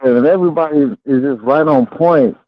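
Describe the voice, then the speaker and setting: A man calling in to a radio show, talking haltingly with many restarts while his phone line breaks up and cuts out. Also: on the high side, dry recording. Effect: breaking-up phone line, cutting out. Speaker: caller. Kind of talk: call-in radio talk. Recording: tinny dry phone line.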